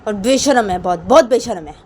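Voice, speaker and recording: A woman's voice: medium pitch, expressive, fairly quick, a little mellow, a little hiss or hum, voice pushed up, close to an everyday voice, poor audio. A woman voicing a hot-tempered young wife who talks back shrilly and defiantly. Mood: furious.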